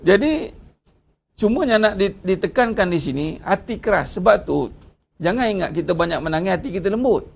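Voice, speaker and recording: A man's voice: high voice, animated, brisk, vocal fry, husky. A man with a Malaysian Malay accent giving a Ramadan religious lecture, preaching conversationally with rhetorical questions. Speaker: religious teacher.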